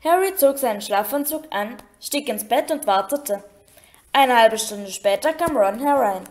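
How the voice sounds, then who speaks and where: Expressive woman reading a storybook. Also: a little high, measured pace. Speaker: audiobook reader.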